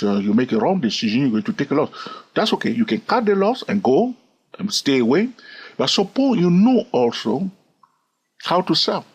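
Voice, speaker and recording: With a medium-pitched voice carrying a breathy edge, a man explains swing trading on a screen recording as an instructor, lively and repetitive, frequently pausing to ask "all right?"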